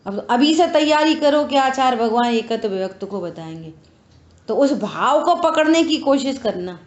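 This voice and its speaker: Earnest woman scripture teacher, slightly high voice, unhurried, dull echoey room recording. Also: lively intonation. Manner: slow, earnest explaining with rhetorical questions. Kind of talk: religious scripture class.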